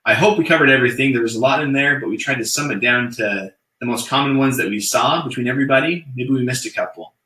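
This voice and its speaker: Young male webinar co-host, casual and upbeat, bright tone, echoey room sound. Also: medium pitch, fast, hardly any pauses, slight background noise. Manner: upbeat, chatty, with many fillers. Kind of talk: casual sales webinar talk.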